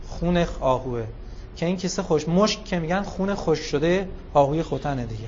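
Male preacher, higher voice, lively storytelling emphasis, dull lo-fi recording with faint hiss. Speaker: religious speaker. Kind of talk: sermon with storytelling.

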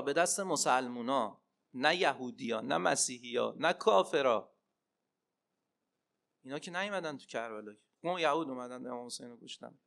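A preacher who also teaches Arabic delivers a religious sermon woven with storytelling. His mid-range male voice is bright yet gravelly, and his impassioned delivery swings between loud, emphatic cries and hushed asides.

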